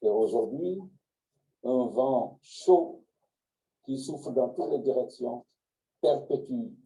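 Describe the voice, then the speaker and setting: A man's voice: medium pitch, slow pace, mellow, poor audio. A man, a public official, giving a solemn and emphatic formal address.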